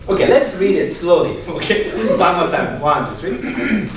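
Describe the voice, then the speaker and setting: In an echoey classroom recorded from far off amid background noise, a high-voiced man leads a speech lesson. He sounds animated and keeps a measured pace, laughing often and posing questions.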